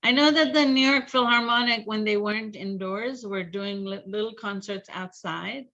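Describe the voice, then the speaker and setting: A woman's voice: mid-range voice, normal speed, a bit bright. A woman talking casually in a group chat as an open mic participant. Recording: dull, lo-fi call audio.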